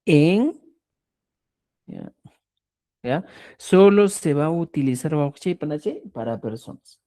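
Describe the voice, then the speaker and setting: A woman teaching a live online language lesson. She explains patiently, repeats example words slowly and keeps checking in with her students. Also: low-pitched, expressive, mellow.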